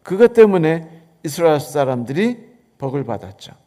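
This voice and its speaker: A man's voice: on the high side, sing-song, moderate pace, mellow. A man preaching a sermon as a pastor, telling stories and asking the congregation questions. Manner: conversational storytelling preaching with rhetorical questions.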